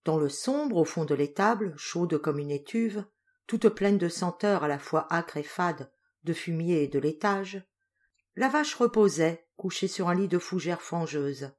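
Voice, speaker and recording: A woman narrating a literary audiobook in a steady, expressive storytelling voice. Her pitch sits slightly low and her reading stays measured. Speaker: audiobook reader.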